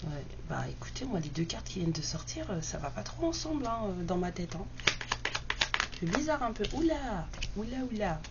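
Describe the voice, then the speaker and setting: Woman with a numb, dentist-anesthetised mouth, lower-pitched. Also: sing-song, fairly quick. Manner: blunt, unapologetic, colloquial. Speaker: host of collective guidance card readings. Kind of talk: casual unscripted monologue to online viewers. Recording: dull muffled sound, faint background noise.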